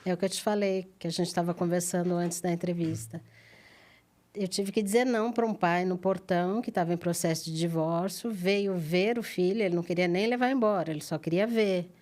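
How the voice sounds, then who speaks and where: A woman's voice: fairly low pitch, a little fast, a little mellow. A woman, a school owner speaking as a podcast guest in casual interview chat, earnest and explaining.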